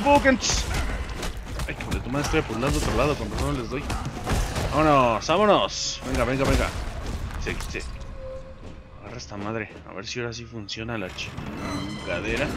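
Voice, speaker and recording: A young man with a Mexican accent commenting on his own gameplay, excitable, swearing and yelping when startled. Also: mid-range voice, slight background noise. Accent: Mexican Spanish. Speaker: gaming commentator. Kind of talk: let's play commentary.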